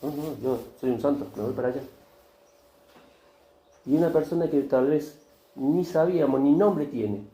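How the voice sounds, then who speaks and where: A man's voice: mid-range voice, dark tone. A male pastor, preaching a sermon with rhetorical questions and repetition. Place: church hall. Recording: echoey church hall.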